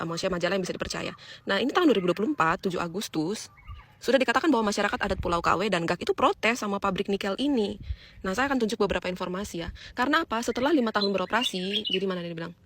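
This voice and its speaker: Rapid-talking woman vlogger. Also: medium pitch, fairly bright tone. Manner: chatty, with many fillers and questions to viewers. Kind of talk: casual explanatory vlog.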